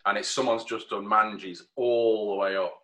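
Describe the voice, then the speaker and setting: A man's voice: on the low side, fairly even intonation, normal speed, sharp tone. A man chatting on a podcast, telling anecdotes with a laugh. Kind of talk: casual podcast chat. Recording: voice from far off the mic.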